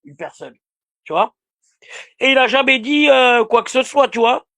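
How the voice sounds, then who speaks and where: High-voiced gravelly man ranting. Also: animated, normal speed, pushed and bright. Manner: insulting, repetitive, addresses a rival directly. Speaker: livestreamer. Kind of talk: heated livestream rant.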